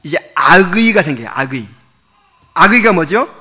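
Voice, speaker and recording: Male pastor, high animated voice, chatty teaching sermon full of rhetorical questions. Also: normal speed. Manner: conversational, explains step by step with rhetorical questions; chuckles often while teaching.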